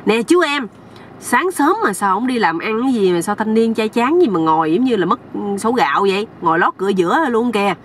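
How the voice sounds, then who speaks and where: Know-it-all older village man with a Southern Vietnamese accent, pitched a bit high and loud, as a woman storyteller puts him on; slightly distant mic. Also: lively intonation, fairly quick, slight background noise, close to an everyday voice. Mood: lecturing. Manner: bossy, know-it-all lecturing.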